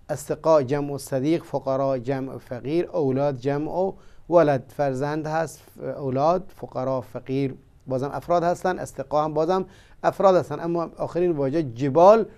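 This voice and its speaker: A man teaching vocabulary in a language lesson, explaining slowly with many pauses and fillers. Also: a little high, warm tone, smooth. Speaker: Arabic teacher. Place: studio.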